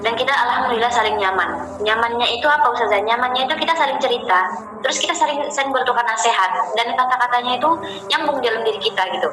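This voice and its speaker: A woman teaching an informal Islamic study session in a gentle way, often repeating phrases and speaking directly to her listeners as friends. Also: fairly high pitch, fast talker. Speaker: ustadzah leading a religious study session. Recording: roomy sound with music playing behind.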